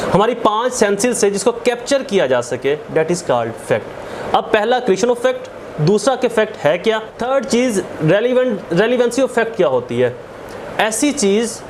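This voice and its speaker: Background noise sits under a high-voiced man lecturing on law. Speaking with a Pakistani accent, he blends Urdu and English legal vocabulary in a didactic style, listing points and repeating important phrases.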